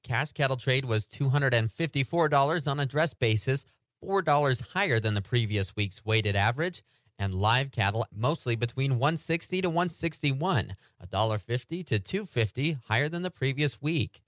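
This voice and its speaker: A man anchoring a radio farm report, reading agricultural news and market prices in a steady newsreader delivery. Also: medium pitch, no echo, studio quality.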